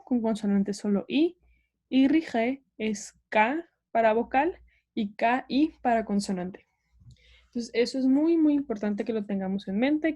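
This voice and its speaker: A woman's voice: on the high side, warm tone. A young woman teaching an online language lesson, explaining patiently step by step and having learners repeat words.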